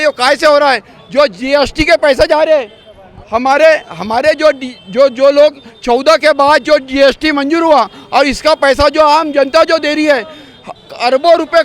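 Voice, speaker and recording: A man's voice: very high voice, a bit bright. A man being interviewed on a city street, arguing his political case and firing off rhetorical questions. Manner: argumentative, piles up rhetorical questions. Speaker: local voter interviewed on the street.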